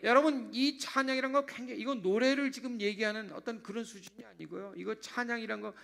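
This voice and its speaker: Male pastor, sermon, high voice, bright tense tone, shifts between loud and hushed. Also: fast talker, vocal fry. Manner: animated preaching, sudden drops to hushed tones; acts out little prayer dialogues. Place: church sanctuary.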